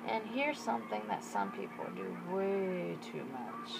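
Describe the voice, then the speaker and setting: Texas-accented young woman, lively and creaky. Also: medium pitch, unhurried, very noisy. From Texas, United States. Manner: chatty, informal, folksy. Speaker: vlogger explaining regional slang. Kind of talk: casual explainer to camera with examples.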